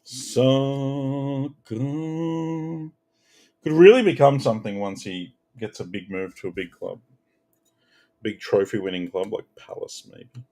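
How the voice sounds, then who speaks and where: A man hosting a card break, chatting casually and bursting out loudly as he calls out the cards he pulls. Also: sits low, moderate pace, husky. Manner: animated, bursts out loudly calling card names. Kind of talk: casual live card-opening chat.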